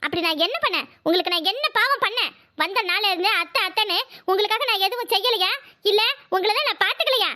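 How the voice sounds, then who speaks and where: A young cartoon wife, voiced by a woman, pleads and argues in a high, bright, fast voice. She is stubborn and insistent, and she refuses to be sent away. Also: lively intonation, exaggerated voice. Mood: pleading.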